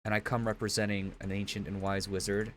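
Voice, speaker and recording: A man's voice: fairly low pitch, little pitch movement, brisk, a bit bright, lightly acted. A man playing Daong, an earnest frog envoy.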